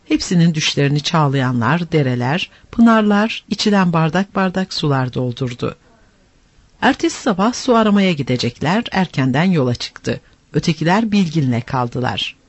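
A man narrating an adventure story aloud in an expressive, animated reading style. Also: fairly high pitch, no room sound. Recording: dry, slightly dull lo-fi.

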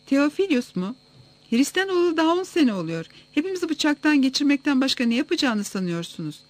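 A reader putting on a nervous man in a crowd, his voice lifted high above the narration. He talks in a hurried, alarmed rush. It is heard within a steady audiobook reading. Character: anxious male philosopher in a crowd.

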